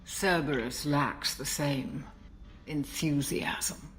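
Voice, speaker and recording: An actress playing a calm, wry older female military ship's doctor in a video game, speaking in a gentle, reflective way. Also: sits low, a little hiss or hum. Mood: amused. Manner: gentle, reflective, measured delivery. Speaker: game character.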